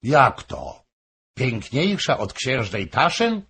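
A man's voice: mid-range voice, big pitch swings, extremely slow, pushed and bright, breathy edge, pitched above the performer's own voice, heavily acted. A man voicing a sly male courtier who mocks and calls out toasts. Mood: mocking.

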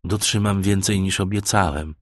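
A man voicing a calm, self-assured shipwrecked sailor in an audiobook. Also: deep voice, normal speed, dry recording, clean studio sound, lightly acted. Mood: steady.

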